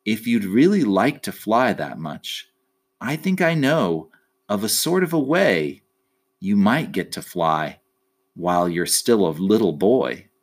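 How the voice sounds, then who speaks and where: A man's voice: fairly low pitch, sing-song, slow, full character voice. Guy reading as old lady alley cat from a storybook, courteous n wistful, voice goes up and down a lot. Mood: encouraging. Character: old female alley cat, well-traveled, polite, wistful.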